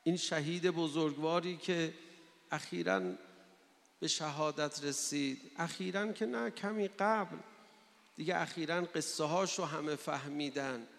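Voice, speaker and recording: A man's voice: on the high side, vocal fry, fairly bright tone. A man preaching a religious sermon, telling stories and building to impassioned pleas. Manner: emotional, builds to impassioned pleading. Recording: reverberant hall.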